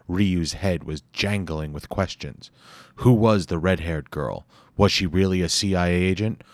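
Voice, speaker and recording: A man narrating an audiobook chapter in a measured, dramatic reading style. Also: low voice, no echo.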